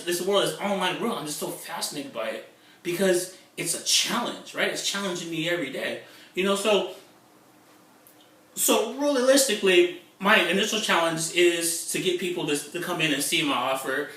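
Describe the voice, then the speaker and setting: A middle-aged man talking in a casual vlog about online marketing, excitable and rambling, often repeating himself. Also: fairly high pitch, recorded from a distance. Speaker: internet marketing vlogger. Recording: echoey room, away from the mic.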